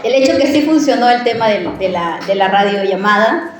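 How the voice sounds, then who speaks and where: A woman preacher giving a sermon in a church, telling a personal story in an animated, conversational way and often asking the listeners questions. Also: medium pitch, normal speed, very echoey, a little hiss or hum.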